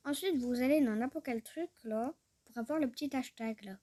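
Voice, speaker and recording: A woman with a slightly high, mellow and breathy voice talks her way through a casual tutorial. She rambles, comments to herself and keeps slipping into a half-murmur. The sound is close and dry. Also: fairly quick, no room sound. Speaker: YouTuber showing a tutorial. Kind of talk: casual screen-recorded tutorial chat.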